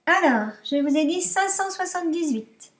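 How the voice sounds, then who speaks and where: A woman teaching primary maths, dictating to young pupils with deliberate articulation and repeating herself. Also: very high-pitched, animated.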